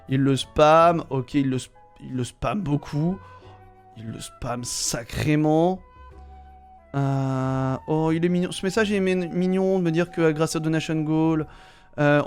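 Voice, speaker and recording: A man's voice: on the high side, smooth. A man streaming live, reading viewer messages aloud and commenting on them with wry jokes.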